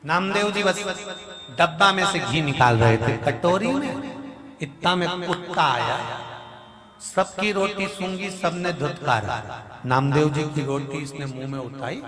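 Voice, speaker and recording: A man's voice: fairly high pitch, unhurried. A man preaching a devotional sermon, telling stories, speaking straight to his listeners and breaking into song. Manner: storytelling, addresses listeners directly, breaks into song. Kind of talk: devotional sermon with sung verses. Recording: echoey hall with music behind.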